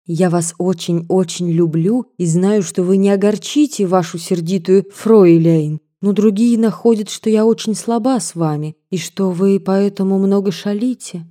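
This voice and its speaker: Woman voicing a meek, gentle governess. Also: mid-range voice, normal speed, hardly any pauses, natural voice. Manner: soft, gentle, consoling. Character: gentle, meek German governess, tearful and kind.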